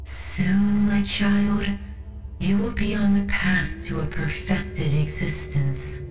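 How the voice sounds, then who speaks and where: Slow, solemn cyborg priestess acted by a woman. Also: mid-range voice, lightly acted. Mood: calm, commanding. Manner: soothing, reverent, formal, deliberate. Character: devout cyborg tech-priest woman, motherly, solemn, zealous mentor. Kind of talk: ASMR roleplay, scripted monologue. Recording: roomy reverb with music underneath. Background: music.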